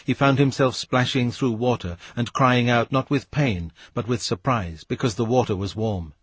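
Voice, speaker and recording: A man reading a novel aloud as an audiobook narrator, in a measured, steady way. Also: medium pitch, husky, no room sound. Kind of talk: scripted narration.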